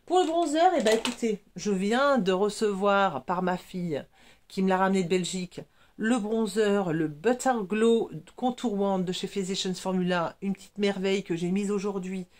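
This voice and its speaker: Speaking at a moderate pace in a medium pitch, this beauty vlogger, a woman in her forties, enthusiastically chats about her makeup. She sniffles a bit and leans heavily on fillers in the casual product talk.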